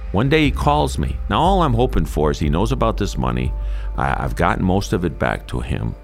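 A man's voice: deep voice, big pitch swings, fairly quick, gravelly, faint music behind. A middle-aged man telling his own story in an interview, acting out the voices of the people in it. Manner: vivid storyteller, acting out dialogue. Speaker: interviewee recounting his past.

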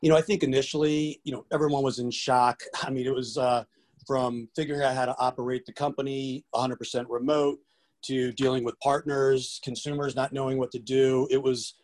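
A man speaking as a company executive on a panel, relaxed and casual, with many fillers. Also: medium pitch, brisk.

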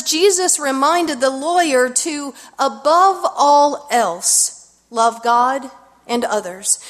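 A woman pastor delivering a sermon at a pulpit microphone in a church sanctuary, speaking in a measured, deliberate way. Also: sits high. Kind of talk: sermon with scripture reading. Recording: long reverb of a large hall.

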